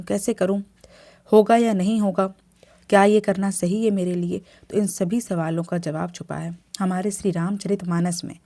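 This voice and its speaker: Earnest woman with a mellow voice. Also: medium pitch. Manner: earnest, step-by-step explaining. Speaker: devotional video host. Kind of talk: instructional devotional talk.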